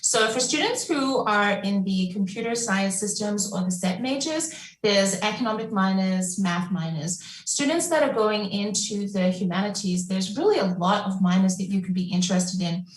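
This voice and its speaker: An academic advisor on a panel answers a student's question in an upbeat, friendly, explanatory manner. Her voice is medium-pitched at a moderate pace, captured on a distant mic in an echoey room.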